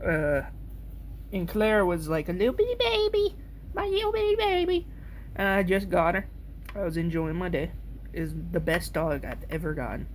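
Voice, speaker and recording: A man spinning a loose, wandering personal story, bouncing between excitement and offhand asides. His delivery is casual and unpolished, and he swears freely. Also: a little high, normal speed, a little hiss or hum. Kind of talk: casual rambling anecdote.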